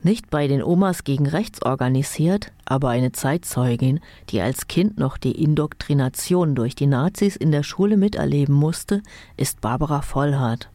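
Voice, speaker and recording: Male radio presenter, matter-of-fact, dry studio sound, slightly high voice. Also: moderate pace, dark tone, no room sound. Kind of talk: news narration.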